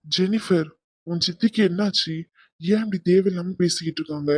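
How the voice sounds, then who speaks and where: A man's voice: sits high, brisk, breathy edge, no room sound. A man voicing a stern young groom in a cartoon drama who lectures and defends his sister. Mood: puzzled.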